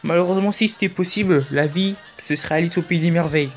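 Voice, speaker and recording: A man on the high side talks fast while hosting a casual YouTube tutorial, rambling along with humorous side comments. Faint music sits under the dull, lo-fi recording.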